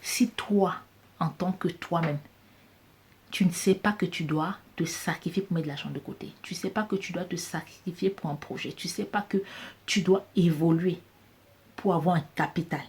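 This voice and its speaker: A woman's voice: on the low side, normal speed, a little mellow. A woman business coach talking straight to her viewers, emphatic and repeating her points, addressing them familiarly. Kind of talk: direct-to-camera advice talk.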